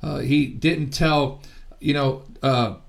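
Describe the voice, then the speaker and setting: A middle-aged man delivering a heartfelt sermon in a gravelly voice of ordinary pitch. He speaks earnestly, often restarting his sentences and filling pauses with "you know". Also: steady tone. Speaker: ministry founder and preacher. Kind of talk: sermon teaching.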